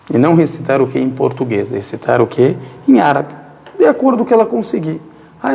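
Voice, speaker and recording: A man's voice: a little high, creaky, darkish tone. Arabic-native male religious teacher, echoey hall. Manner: poses rhetorical questions and answers them himself. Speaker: Islamic teacher. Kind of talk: religious lesson. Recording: long reverberant hall echo.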